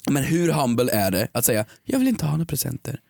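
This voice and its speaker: A man's voice: mid-range voice, very animated, creaky, darkish tone, no echo, clean studio sound. A man co-hosting a casual podcast chat, swearing often and ranting with exaggerated frustration. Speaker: podcast co-host.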